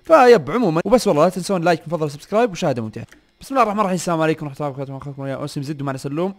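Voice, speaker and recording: Rapid-fire young gamer host. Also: male voice, fairly high pitch, animated. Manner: rapid, repeats short words in bursts. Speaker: gaming channel host. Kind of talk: excited gameplay commentary.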